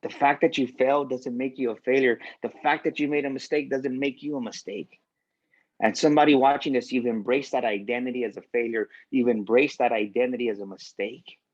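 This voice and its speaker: A man's voice: mid-range voice, fairly even intonation, a little fast, lo-fi sound. A man giving a faith-based motivational speech as a guest speaker, repeating key lines for emphasis.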